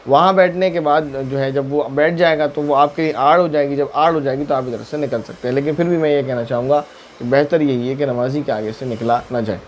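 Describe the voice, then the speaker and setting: A man's voice: fairly high pitch, fairly even intonation, a little hiss or hum. A man serving as a mufti who answers viewers' questions in a religious lesson. He explains each ruling patiently and step by step, using worked examples.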